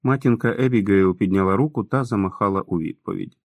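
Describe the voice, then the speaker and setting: A man narrating an audiobook in a calm, even storytelling manner. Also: fairly low pitch, brisk, no room sound. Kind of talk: scripted narration.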